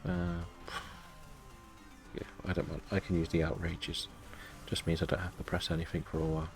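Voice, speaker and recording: Low-voiced, low-key male game streamer. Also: level tone, moderate pace, soft background music. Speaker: live-streaming gamer. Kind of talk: casual game stream commentary, chatting with viewers.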